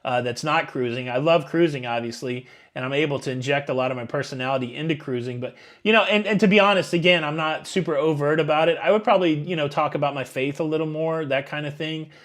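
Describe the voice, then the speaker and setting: A YouTube cruise channel host in his fifties runs a live Q&A stream, reading viewers' super chats and answering them in a rambling, chatty way full of fillers. His voice is on the high side and fairly bright. He talks fast with few pauses.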